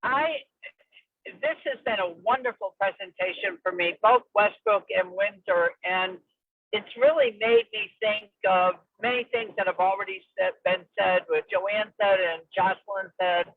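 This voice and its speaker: A woman's voice: medium pitch, measured pace, dry recording. Woman on a tinny car speakerphone. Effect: phone call from a car speakerphone. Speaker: meeting participant. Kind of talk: casual remarks in an online meeting. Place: in a car while driving. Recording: tinny dry phone line from a car.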